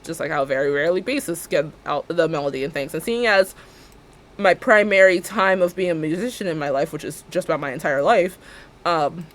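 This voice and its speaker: A young woman with a deep alto voice streams a building game, rambling casually, laughing a lot and talking to her viewers.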